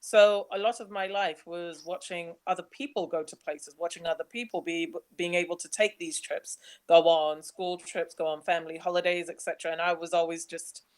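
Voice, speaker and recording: A woman's voice: on the low side, normal speed, hardly any pauses. Chatty young woman. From Nigeria. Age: young adult. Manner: chatty, animated, laughs easily. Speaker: webinar speaker. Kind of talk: presentation talk with slides.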